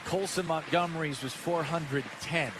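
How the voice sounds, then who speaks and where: An American man calls live baseball play-by-play for radio from a stadium broadcast booth. His voice is a little high, his intonation fairly even, and he talks at normal speed with clear ballpark ambience behind him.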